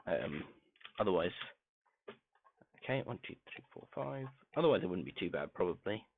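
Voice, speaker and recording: A man streaming a game, talking softly and muttering to himself as he crafts, his grainy voice muffled as if heard through a wall. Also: deep voice, very animated, moderate pace, vocal fry, slight background noise. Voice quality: grainy voice when quiet. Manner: talks softly, mumbling to himself while crafting. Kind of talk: casual live-stream gameplay commentary. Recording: muffled phone-like mic with faint music.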